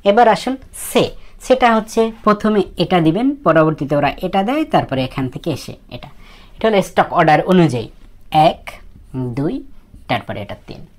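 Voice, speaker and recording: A woman teaching Japanese script in a casual spoken lesson, who goes through each stroke slowly and repeats herself, often trailing off quietly. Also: on the low side, very animated. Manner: explains slowly, repeating each step of writing the letters.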